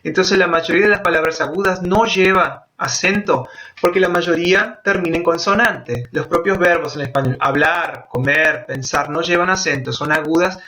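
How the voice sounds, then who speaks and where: A man teaching a grammar lesson, explaining step by step and slowing down to spell out example words. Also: a little high, bright, forceful tone, slight background noise. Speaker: Spanish teacher. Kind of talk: grammar lesson for Portuguese speakers.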